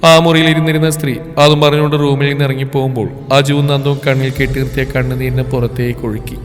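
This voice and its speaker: Soft-spoken male story narrator, reverb. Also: mid-range voice, flat delivery, fast. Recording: long reverb with faint music.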